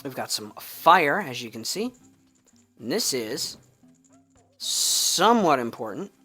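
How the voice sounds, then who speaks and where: A man's voice: mid-range voice, sing-song, slow pace, pushed and bright, slightly rough, faint music behind. A man streaming a video game and chatting casually over it, joking and laughing often. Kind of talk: casual let's-play commentary.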